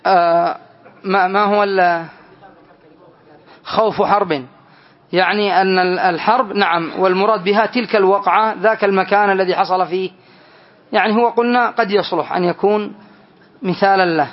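High-voiced guy teaching a grammar class, slow and careful, keeps quizzing students, kinda muffled lo-fi sound. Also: steady tone. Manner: slow, deliberate explanation with questions to students.

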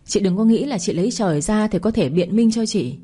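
A woman reading a story, voicing a spiteful young wife who lashes out in shrill accusations. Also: animated, a little fast, mellow, breathy edge. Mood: furious. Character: spiteful young wife grieving a lost baby.

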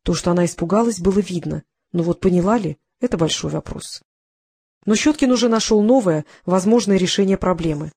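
An audiobook narrator reading a crime thriller in an even storytelling delivery. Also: mid-range voice, a little fast, breathy edge. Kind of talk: scripted narration.

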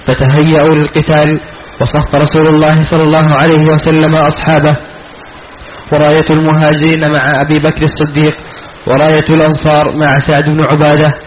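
A man, a student, reads a book aloud in a lesson, section by section. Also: on the high side. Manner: flat, quick reading. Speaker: student reading the text aloud. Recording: tinny phone-like recording with faint hiss.

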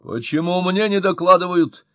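A man's voice: mid-range voice, expressive, moderate pace, slightly rough, dry recording. A man voicing an irritable, bossy town mayor in an audiobook, grumbling and giving orders. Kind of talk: audiobook reading.

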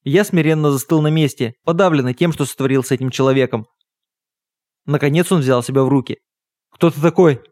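A man narrating a first-person literary audiobook in a measured, even storytelling manner on a close studio mic. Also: mid-range voice, no echo.

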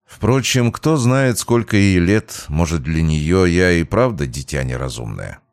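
Male narrator, low voice, animated delivery, first-person audiobook reading. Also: measured pace, no echo.

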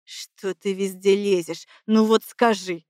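A woman voicing a smug, cynical young man who talks in a mocking, unhurried drawl, lower than her own voice. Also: steady tone, a little mellow, no room sound, clean studio sound, natural voice.

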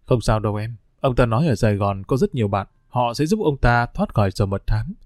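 A man voicing a calm, cautious middle-aged husband who speaks steadily and reassuringly. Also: medium pitch, fairly quick, no room sound, studio quality, close to an everyday voice.

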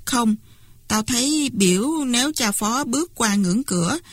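A woman's voice: fairly high pitch, lively intonation, a little slow, dry recording. A woman voicing a sullen, foul-mouthed young boy in an audiobook, her tone rude and blunt. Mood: defiant.

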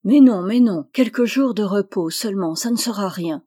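A woman voicing a grave country doctor who speaks gently and reassuringly in a read-aloud story. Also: medium pitch, moderate pace, slightly rough, no echo, clean studio sound, natural voice.

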